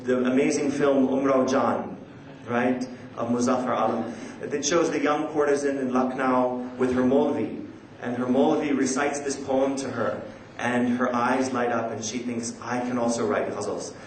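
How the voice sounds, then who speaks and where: A man with a steady, mid-range voice lectures at a conference, measured in pace and a bit hesitant and self-deprecating. His scholarly paper includes recited poetry and quotes Urdu, which is not his first language. Echo from the large indoor hall and background noise color the recording.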